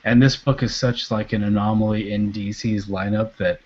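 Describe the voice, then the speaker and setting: A man co-hosting a comic book podcast, speaking in a laid-back, hesitant way with many fillers and quiet trailing endings. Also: on the low side, fairly even intonation, moderate pace. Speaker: podcast co-host. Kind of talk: casual chat. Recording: dull lo-fi podcast audio.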